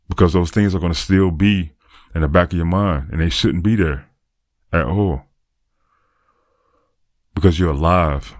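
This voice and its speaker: A man's voice: low voice, no echo, clean studio sound. A man talking through a reflective, earnest podcast monologue, repeating phrases for emphasis. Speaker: podcaster and aspiring motivational speaker.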